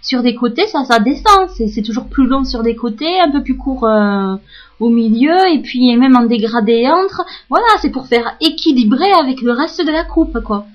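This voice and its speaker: A woman's voice: fairly high pitch, moderate pace. A woman telling a casual story in a frank, profane, self-mocking monologue. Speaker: audio blogger. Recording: dull lo-fi audio.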